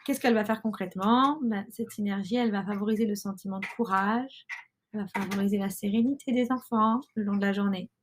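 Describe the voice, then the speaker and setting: Woman in her thirties, casual host, halting delivery full of fillers, mid-pitched. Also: noisy background. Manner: hesitant, many fillers and restarts. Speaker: podcast host and mother. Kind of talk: casual explanatory talk.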